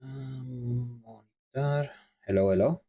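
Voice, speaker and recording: Male streamer, mid-pitched, rambling and self-deprecating, chatting on a lapel mic. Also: slow pace, slightly rough, phone-quality sound. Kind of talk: casual chat on a live stream. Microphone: wireless lapel microphone.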